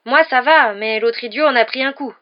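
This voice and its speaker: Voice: mid-range voice, fast talker, pitched above the performer's own voice, close to an everyday voice. A reader of a French audiobook voicing a frightened, loyal schoolboy wizard who calls out urgently. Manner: urgent, raised voice. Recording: dull lo-fi audio.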